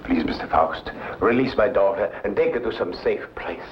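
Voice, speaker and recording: An actor playing a sorrowful, resigned refugee scientist with a formal, grave manner in a vintage B-movie. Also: male voice, on the low side, lively intonation, normal speed, natural voice. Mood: pleading. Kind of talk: vintage B-movie film acting. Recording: muffled old film soundtrack, noisy.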